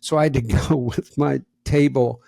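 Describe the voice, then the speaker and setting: Middle-aged male podcast co-host, gravelly voice, casual storyteller, dry close mic. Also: mid-range voice, normal speed, no room sound. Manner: animated anecdote teller, acts out quotes.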